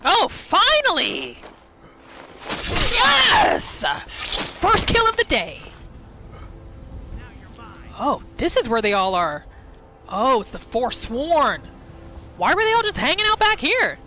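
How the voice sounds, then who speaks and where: A high-pitched woman takes her time, pausing often as she narrates her own roleplay playthrough. Her commentary is casual, playful and expressive, directed at herself and the game, with video game music playing behind her.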